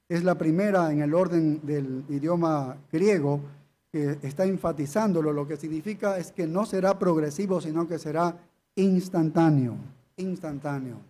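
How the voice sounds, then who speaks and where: A man's voice: fairly high pitch, mellow. A male pastor preaching an expository sermon, emphatic, repeating key phrases and asking the congregation rhetorical questions.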